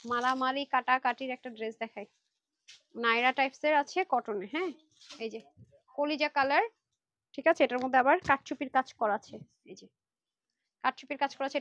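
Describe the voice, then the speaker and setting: With a high, fairly bright voice and no room sound, a woman hosts a live clothing sale as a fast Facebook selling pitch. Chatty and pushy toward viewers, she sounds tired and worn out from the long session.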